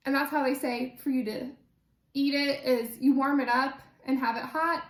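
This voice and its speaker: A young woman hosting a casual cooking vlog from her home kitchen, chatty and quick to laugh, with plenty of "like" in her talk. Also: high-pitched, fairly even intonation. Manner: chatty, laughs easily, says "like" often. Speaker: cooking channel host. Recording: echoey kitchen.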